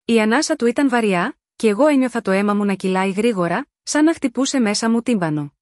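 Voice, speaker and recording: In a measured, sensual tone, a woman narrates a first-person romance, calm and scripted as in an audiobook, as a storyteller. She has a voice that sits a little high, captured in a dry, close recording with no surrounding room.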